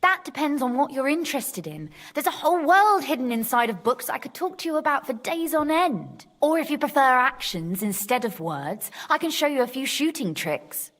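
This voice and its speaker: A woman's voice: high voice, big pitch swings, normal speed, hardly any pauses, fairly bright tone, long reverb tail. An actress playing a proud, bookish, teasing noblewoman in a video game, speaking in an articulate, self-assured way. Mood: confident teasing.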